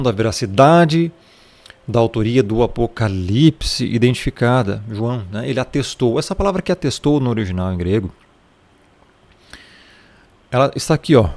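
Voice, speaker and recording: A man's voice: medium pitch, darkish tone. A man teaching a casual Bible lesson, explaining Greek pronunciation in a conversational way and repeating his points.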